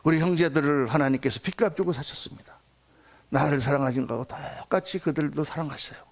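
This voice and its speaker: A man's voice: on the high side, quick pace, vocal fry. A male pastor preaching an emphatic sermon in a church, often addressing the congregation directly and acting out quotes. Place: church sanctuary.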